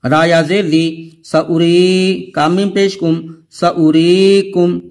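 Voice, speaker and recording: A man in a fairly high voice leads a Quran reading lesson at a slow, measured pace. He names each letter and vowel mark, then joins the syllables into whole words, and now and then he stops to warn about a common mistake. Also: little pitch movement, darkish tone. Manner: drops into quick plain remarks to point out common mistakes. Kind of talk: slow syllable-by-syllable spelling drill.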